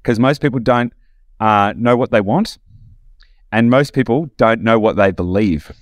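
A man's voice: medium pitch, unhurried, no echo. Reflective, enthusiastic male podcast host. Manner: reflective, enthusiastic, rambling with restarts. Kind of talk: casual podcast conversation.

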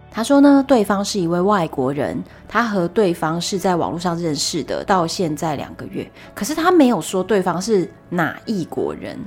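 A young woman hosting a solo podcast, telling stories in a chatty, animated way with exasperated asides. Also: fairly low pitch. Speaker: podcast host.

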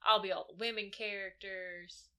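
A woman's voice: medium pitch, fairly even intonation, normal speed, pushed and bright, smooth. A woman co-hosting a casual podcast, laid-back, often giving short answers with fillers. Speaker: podcast co-host.

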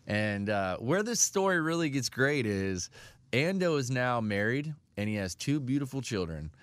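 A man hosting a casual chat, telling a story about a friend with lively restarts and frequent laughs. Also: medium pitch, normal speed, clear, resonant tone, no echo. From Nashville-based. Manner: animated, repeats and restarts, laughs often. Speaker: podcast host.

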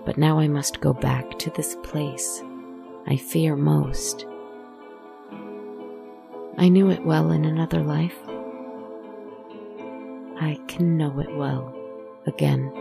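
A woman voicing a weary shapeshifting forest creature in a scripted horror monologue, speaking slowly and deliberately in a husky, creaky voice. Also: sits low, full character voice. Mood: brooding.

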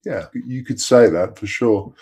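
A man's voice: unhurried, a little mellow, breathy edge. A man being interviewed about the past, his voice electronically altered to hide who he is, talking in a hesitant way with restarts. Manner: hesitant, repeats words and restarts. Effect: voice electronically altered to disguise identity, deep. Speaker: interviewee, former employee. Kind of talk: casual recollection in an interview.

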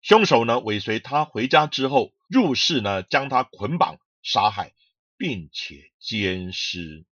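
A man's voice: medium pitch, animated, a little slow, few pauses, a bit bright, no echo, dull audio. A man narrating true crime in short, emphatic phrases.

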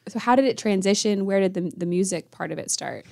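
A woman's voice: medium pitch, fairly quick, creaky, dark tone. A woman hosting a podcast, asking curious, conversational questions. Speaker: podcast host. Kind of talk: interviewing.

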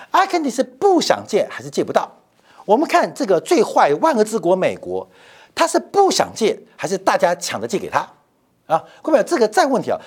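Hosting a financial commentary show, a middle-aged man speaks emphatically and rhetorically, repeating phrases to drive his points home. His voice sits on the high side with a darkish tone.

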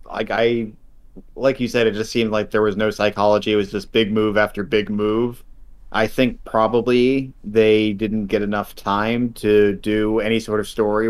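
Rambling man co-hosting a podcast. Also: on the low side. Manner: rambling, many "like" fillers, dry joking. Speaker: podcast co-host. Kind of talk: casual chat.

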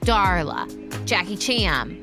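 A woman's voice: on the low side, very animated, slow. A woman chatting casually and playfully as a player in a tabletop role-playing game. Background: background music.

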